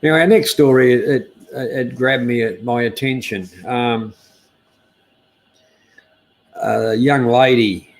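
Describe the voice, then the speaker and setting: A man's voice: medium pitch, slow, long pauses, faint music behind. Laconic Australian man with a drawl. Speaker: live stream host. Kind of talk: casual news chat on a live stream.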